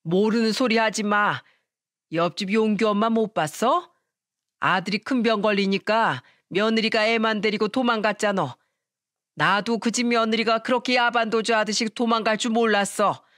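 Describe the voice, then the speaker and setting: A suspicious older mother-in-law barks accusations in a raised, scolding voice, as a woman puts her on. The voice is pitched up and pushed louder than the storyteller's own. It sounds like a story radio drama recorded close and dry. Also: normal speed, dry recording, close to an everyday voice. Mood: accusing.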